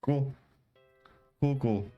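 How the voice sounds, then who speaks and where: A man running a tabletop game as game master, animated and quick to slip into character voices. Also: medium pitch, highs cut off, soft background music.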